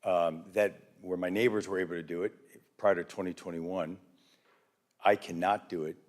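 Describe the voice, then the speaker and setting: A man with a very low voice makes his case to a town council. He speaks politely and hesitantly, repeating words as he searches for them. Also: fairly even intonation, moderate pace. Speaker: resident speaking at public comment. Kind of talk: public comment at a town council meeting.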